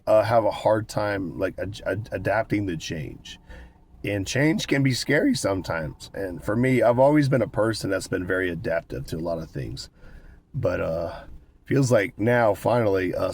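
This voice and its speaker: An American man in his twenties with a cold and a raspy smoker's voice, chatting casually and candidly to viewers with plenty of swearing. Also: deep voice, a little mellow. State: hoarse with a cold, smoker's rasp. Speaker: vlogger. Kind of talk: casual rambling talk to viewers.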